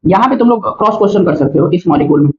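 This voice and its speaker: A man's voice: sits high, lively intonation, rapid-fire. A male chemistry teacher giving a classroom lecture, explaining step by step and often checking in with his students. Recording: dull lo-fi recording.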